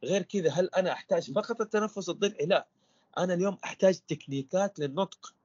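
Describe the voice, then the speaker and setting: Fast-talking husky man. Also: sits high, a little mellow, no echo, lo-fi sound. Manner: teacherly, keeps asking rhetorical questions. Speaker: podcast guest, stuttering coach. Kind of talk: explanatory podcast interview.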